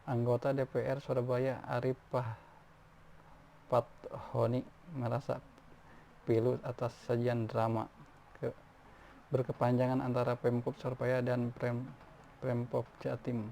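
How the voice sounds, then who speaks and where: Gravelly man reading news, stumbling often. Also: mid-range voice, completely flat delivery, unhurried, pauses often, mellow. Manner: stumbling, frequent restarts on words. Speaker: news reader. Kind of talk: reading news articles aloud. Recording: faint background noise.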